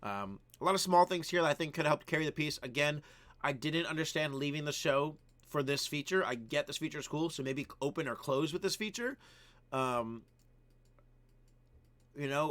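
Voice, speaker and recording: A man's voice: a little high, normal speed, long pauses, fairly bright tone. Chatty male streamer giving video feedback. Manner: chatty, frequent "um" and "right?", coaching tone. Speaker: live stream host reviewing viewer videos. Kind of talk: casual live-stream commentary.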